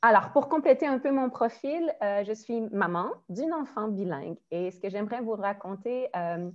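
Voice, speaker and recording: A primary school teacher in her forties from Quebec, Canada, gives an online presentation in a friendly, explanatory way, with frequent "euh" and little laughs. Her accent is Quebec French with some Belgian French. Her mid-range voice is expressive and a little mellow at a moderate pace, on lo-fi audio.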